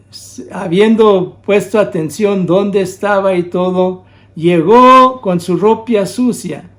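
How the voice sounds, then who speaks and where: A man's voice: high voice, darkish tone. A man preaching a sermon, urging his listeners with repeated rhetorical questions.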